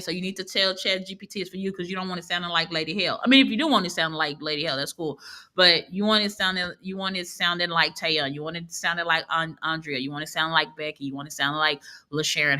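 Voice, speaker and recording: Female online instructor with a bright, clear tone. Talks like a casual live class: chatty, quick to laugh, corrects herself as she goes. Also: fairly low pitch. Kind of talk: casual live teaching over screen share.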